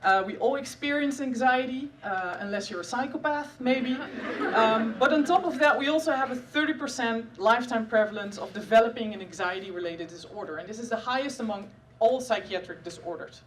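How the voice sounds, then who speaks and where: Here a woman in her thirties, a Dutch-accented neuroscientist, jokes on a comedy stage about her science work in a dry, self-mocking style full of filler sounds. The pitch is fairly high and the pace fairly quick, with a distant mic picking up background noise.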